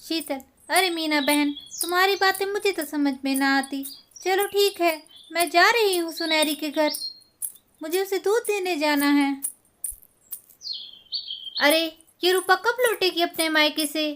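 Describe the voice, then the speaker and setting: Chatty young village wife, voiced by a woman, friendly gossip tone, high voice, faint hiss. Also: unhurried, a bit bright.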